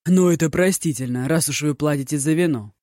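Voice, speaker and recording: A narrator voicing a blunt, gruff male court officer. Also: medium pitch, a little fast, a little mellow, dry recording, clean studio sound, close to an everyday voice.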